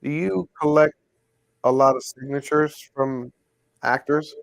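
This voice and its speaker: A pin collector with a gravelly, mid-range voice chats unhurriedly about his collection while hanging pins, rambling and thinking aloud as he goes. The recording is dry and low in quality.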